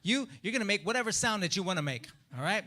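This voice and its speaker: A man's voice: high voice, animated, quick pace. A man performing live on stage, encouraging the crowd as he mixes banter with singing over music. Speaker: live performer leading audience volunteers. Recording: live show with loud music. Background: loud looped music.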